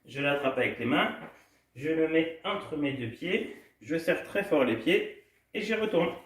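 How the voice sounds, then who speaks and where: A man's voice: a little high, expressive, measured pace, a bit bright. A man coaching a baby gym session for small children at home, talking in a cheerful, sing-song way while he demonstrates the moves. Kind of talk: instructional talk to small children. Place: indoor room at home. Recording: echoey room, distant from mic.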